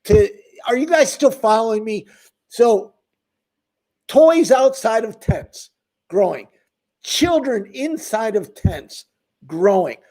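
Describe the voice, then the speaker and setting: Speaking slowly and pausing often, this man has a high, expressive voice with a touch of mellowness. He runs a homeless advocacy channel and addresses viewers head-on in a passionate, emphatic rant.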